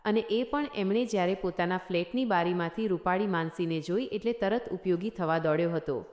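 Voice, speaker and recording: A woman narrating a humorous short story in a steady, scripted storytelling manner. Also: on the low side, fairly quick. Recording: echoey room.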